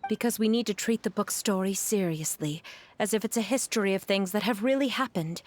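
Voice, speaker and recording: A woman voices a gentle mother in a video game, resolute but sorrowful, and speaks in a measured, earnest way. Her voice is mid-range and natural.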